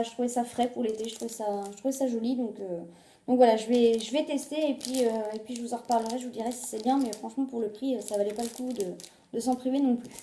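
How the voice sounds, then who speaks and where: Her phone leaning against a glass on the table, a woman chats through a shopping haul vlog, hesitating often and restarting with lots of fillers. Her warm voice sits on the high side, in a roomy space with slight background noise.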